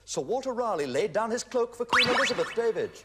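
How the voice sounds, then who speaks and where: A man's voice: very high voice, lively intonation, fast talker. A man hosting a TV bingo quiz, calling out numbers like a bingo caller and bantering with jokey one-liners. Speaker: game show host. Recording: noisy old TV studio recording, loud audience. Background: laughing studio audience.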